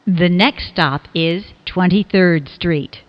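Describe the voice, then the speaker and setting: A woman announces train stops from a script in clipped, pieced-together phrases. Her pace is very slow and her pitch a little low. The sound is dull and lo-fi. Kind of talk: scripted automated transit announcement.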